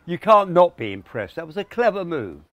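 A man speaking as a local resident in a casual interview, chatty and amused, with quick asides. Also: fairly high pitch, big pitch swings, fairly bright tone, no room sound.

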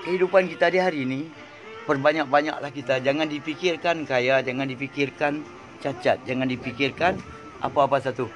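A man in his eighties from Kedah with a Malaysian Malay accent, reflecting on faith in a halting, rambling way, recorded on a phone in a small room. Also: medium pitch, steady tone, over music. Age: 80s. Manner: halting, rambling, sprinkles Arabic phrases. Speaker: interviewee. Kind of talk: religious reflection. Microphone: phone held close.

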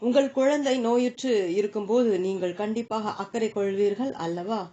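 An earnest seeker asking about the mind and the self, voiced by a woman reader. The questions come in a plain, even way with a warm, relaxed tone. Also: fairly high pitch, normal speed, highs cut off, natural voice. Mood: questioning.

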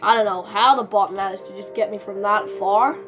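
A woman giving chatty, excitable commentary over a video game, rambling and restarting her sentences, with faint game music behind. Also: medium pitch, brisk. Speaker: gaming video creator. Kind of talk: casual gameplay commentary.

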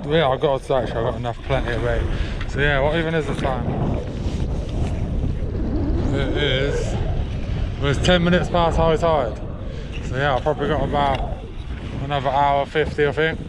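A man's voice: mid-range voice, fairly even intonation, moderate pace, long pauses. A young man vlogging his fishing trip outdoors on a sea wall, talking in a rambling, chatty way into a handheld camera mic, with "but yeah" over and over. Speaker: angler vlogger. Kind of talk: casual outdoor vlog. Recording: loud wind noise outdoors. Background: wind and water.

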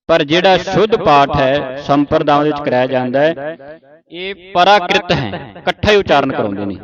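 A man teaching children to recite scripture. He spells words out letter by letter, reads the verse lines slowly and has the pupils repeat them. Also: on the high side, muffled recording.

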